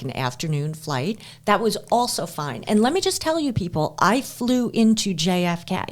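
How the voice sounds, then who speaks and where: Chatty, lower-voiced woman podcast co-host. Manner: chatty, sarcastic asides, lots of fillers. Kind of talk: casual chat.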